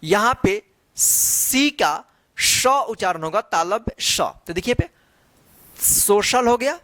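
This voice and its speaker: A woman's voice: medium pitch, lively intonation, slow pace, fairly bright tone, no room sound. A woman teaching a phonics lesson, spelling out letters one by one and then reading the word. She repeats each word and asks rhetorical questions as she goes. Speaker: English teacher.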